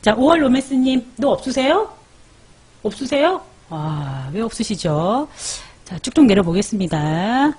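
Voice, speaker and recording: Woman, live-stream host, casual chat, husky, animated pitch, reads viewer comments aloud. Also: unhurried. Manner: chatty, calls out viewer names, gives parenting tips. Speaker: live-stream host and baby sleep coach.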